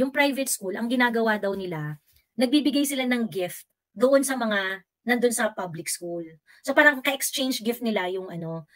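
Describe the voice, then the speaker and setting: A woman's voice: medium pitch, a bit bright. A woman giving heated political commentary as a vlogger and livestreamer, sarcastic and mixing Filipino with English. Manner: mocks opponents by quoting them in exaggerated voices.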